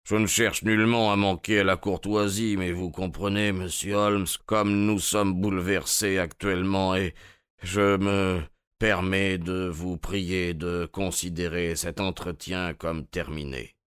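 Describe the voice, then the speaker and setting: A man voicing a grieving, restrained middle-aged colonel in an audiobook, speaking low and halting. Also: little pitch movement, fairly bright tone, clear, resonant tone, no echo, studio quality. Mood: subdued.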